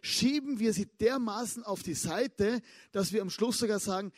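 A young man giving a lively, casual sermon, chatting with asides and stretching key words slowly for emphasis. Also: sits high, dry recording, studio quality. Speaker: pastor.

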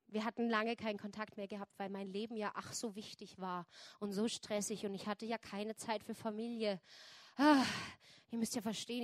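A woman's voice: medium pitch, no echo. Earnest woman telling her faith story. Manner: earnest storytelling, addresses listeners directly. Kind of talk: personal testimony to an audience.

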